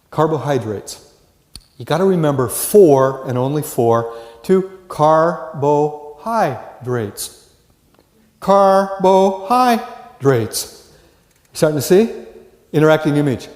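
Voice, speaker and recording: The folksy older lecturer, American-accented, fills his class talk with rhetorical questions. His voice runs on the high side and is a little mellow. He's in a large indoor classroom or lecture hall where the sound echoes with long reverb.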